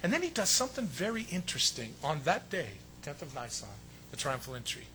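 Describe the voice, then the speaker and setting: A man preaching a sermon with emphatic delivery, swinging between loud stressed phrases and hushed asides. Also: a little high, very animated, fairly quick, a little hiss or hum. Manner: acts out quotes in a raised voice. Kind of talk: sermon teaching.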